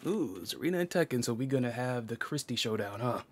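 A man's voice: medium pitch, animated, fairly quick, husky. A man hosting a casual chat about fighting games, rambling with lots of fillers and laughing often. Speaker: podcast host.

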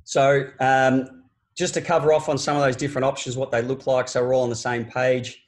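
A man's voice: medium pitch, little pitch movement, brisk. A man, a basketball coach explaining game clips in an online clinic, talking conversationally with fillers and restarts from a small office on a laptop mic. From Australia. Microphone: laptop webcam on a video call.

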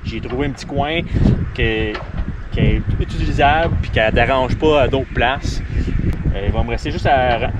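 A man's voice: mid-range voice, highs cut off. A man in his forties with a Quebec French accent, chatting casually through a boat project with lots of fillers. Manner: relaxed, chatty, with frequent fillers and restarts. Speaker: sailing vlogger. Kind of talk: casual how-to vlog. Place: outdoors on a sailboat in a boatyard. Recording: noisy outdoor ambience.

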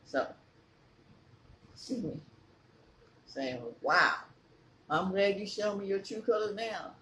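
Man from California, talking while chewing, chatty vlogger, fairly high voice, echoey room, faint background hum. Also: animated, slow, sharp tone. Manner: chatty, asks viewers questions. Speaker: mukbang vlogger. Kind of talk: casual talk to camera.

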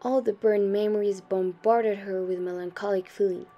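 A young woman reads a short story aloud in a mellow, warm tone, keeping a steady storytelling pace. Soft music plays faintly underneath her reading. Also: medium pitch, normal speed, lo-fi sound. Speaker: student reader.

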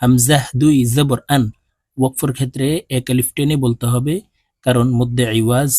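A man with a Bangladeshi accent teaching Quran reading, spelling out Arabic words letter by letter and drawing out each syllable slowly. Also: mid-range voice, flat delivery, a little mellow, no echo, studio quality. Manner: slow drawn-out recitation of each word.

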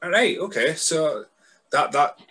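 A man's voice: a little high, expressive, a little slow, sharp tone, slightly rough. A man in his thirties with a Scottish accent, hosting a podcast interview over a video call, chatty and rambling in his questions. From Scotland. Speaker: podcast host. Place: room indoors. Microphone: headset mic.

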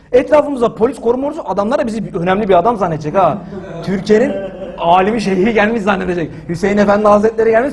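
A man with a husky, high-set voice tells his story at a quick clip. He is animated and indignant, and he leans into every quoted line of dialogue. It is casual spoken storytelling. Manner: animated, acts out quoted dialogue with frequent "dedim"; indignant and emphatic.

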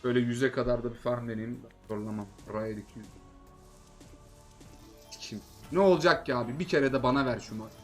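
A man commenting live on a slot game, swearing constantly and swinging between fed-up groaning and excited shouting. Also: medium pitch, a little fast, faint music behind. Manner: swears constantly, groans and exclaims at each spin.

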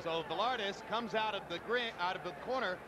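A man's voice: high-pitched, a little fast, noisy background. A man giving articulate, emphatic play-by-play commentary as the lead voice of a boxing broadcast. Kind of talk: sports commentary.

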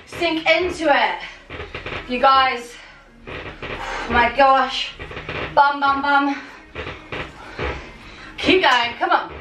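A young adult woman with a high voice leads a home workout as a fitness coach, firing off short, commanding, motivating calls, countdowns and cheers. She's in a small home living and dining room, picked up by a camera a few metres away. The sound is roomy and distant, with music underneath and some background noise.

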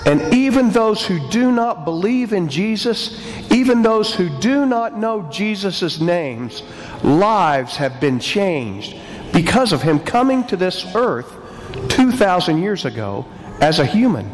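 A man speaking as a priest at a church service, solemn and deliberate, phrase by phrase, with a cathedral echo around his voice. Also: high-pitched, very animated. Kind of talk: liturgical gospel reading and homily preaching. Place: large church with echoing acoustics. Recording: cathedral-like echo, long reverb, background noise.

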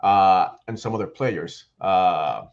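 Puerto Rican man, low voice, headset call. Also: takes it slowly, gravelly, lo-fi sound. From Puerto Rico. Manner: animated, restarts phrases often. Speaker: guest, baseball writer and podcaster. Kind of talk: casual video-call interview. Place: small home room with shelves. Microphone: headset on video call.

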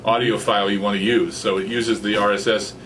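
The recording is poor, with slight background noise, as a man in his fifties speaks briskly on the low side. A podcaster, he's in a casual interview chat with a guest in a small office with computers, talking into a stand-mounted studio condenser mic in front, and he's animated, excitable and full of gestures.

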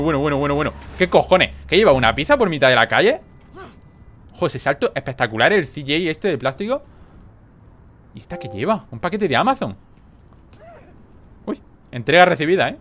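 Young male gaming commentator, Spain Spanish accent, slightly high voice with a very animated melody, excitable and profane. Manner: excitable, swearing, quick exclamations. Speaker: gaming YouTuber. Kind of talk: gameplay commentary.

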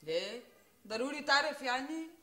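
An actress playing a sharp-tongued, defiant wife with a Damascene Syrian accent, who answers back in curt, dismissive retorts. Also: female voice, high-pitched, animated, normal speed, roomy sound. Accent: Damascene Syrian Arabic.

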